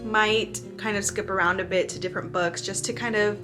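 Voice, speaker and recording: A woman's voice: medium pitch, steady tone, brisk, music in the background, low-quality recording. A young woman chatting casually in a book vlog from a beach, rambling with lots of "like" fillers. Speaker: book vlogger. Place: outdoors at a beach.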